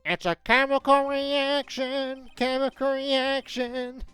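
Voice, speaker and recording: A woman reading a composed male prosecutor's lines in a calm, measured voice during a game played with friends. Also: high-pitched, clean tone, no echo, faint music behind.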